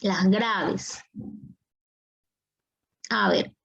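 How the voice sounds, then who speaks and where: A woman's voice: mid-range voice, very animated, drawn-out words, fairly bright tone, highs cut off. A woman teaching an online class, patient and coaxing, repeating her questions to the students over a video call.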